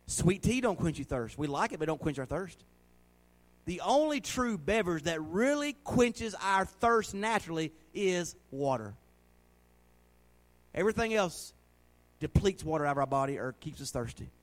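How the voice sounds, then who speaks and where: A middle-aged man preaching a sermon in a folksy, conversational way, asking the congregation questions. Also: sits high. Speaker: pastor.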